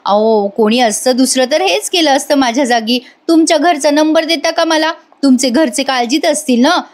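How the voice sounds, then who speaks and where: A kind, caring young woman who speaks gently and with concern, read by a woman in a recap voice-over. The voice is high. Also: normal speed, lightly acted.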